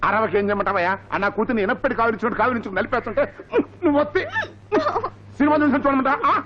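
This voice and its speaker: An actor playing a loud, indignant village father who rants and shouts in a comic way, on a dull old film soundtrack. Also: very high-pitched, very fast, a little hiss or hum. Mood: ranting. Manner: shouting, ranting.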